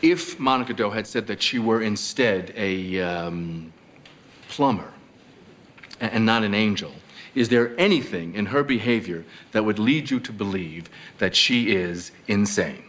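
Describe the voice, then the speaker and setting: An actor playing a hesitant, wry defense lawyer who questions haltingly in a TV courtroom drama. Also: male voice, fairly low pitch, a bit bright. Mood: tentative, wry. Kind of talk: television courtroom drama acting.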